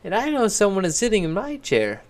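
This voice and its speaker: A man's voice: high voice, huge pitch swings, a little fast, voice pushed up, heavily acted. A man voicing an eager little bear cub in a storybook reading.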